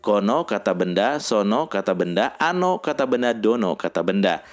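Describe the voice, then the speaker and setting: A man narrating a scripted language lesson, reading sample sentences slowly and deliberately. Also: fairly low pitch, sing-song. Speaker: language teacher.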